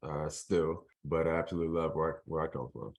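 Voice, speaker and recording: Man, American accent, low deep pitch, casual interview guest, conversational. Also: steady tone, quick pace. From Philadelphia, United States. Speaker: interview guest, motivational speaker.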